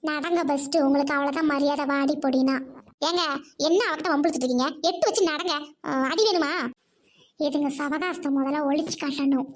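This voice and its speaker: A high-pitched, bossy cartoon big sister, voiced by a woman. She scolds and orders everyone around in a loud, sharp voice. She looks after a friend who has no mother. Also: fairly even intonation, fairly quick, lightly acted. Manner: scolding, commanding. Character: bossy married woman, the bride's protective older friend. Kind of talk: cartoon voice acting.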